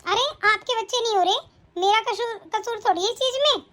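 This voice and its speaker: A woman's voice: very high-pitched, a little fast, fairly bright tone. A woman voicing a sneering spoiled young wife. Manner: whiny, sneering. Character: pregnant young daughter-in-law, spoiled and mocking. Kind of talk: animated family drama voice acting.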